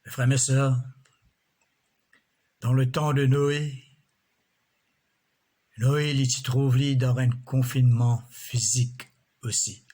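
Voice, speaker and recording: Husky guy preaching real slow, drops in alleluias all the time. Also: medium pitch, flat delivery, mellow. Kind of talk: sermon.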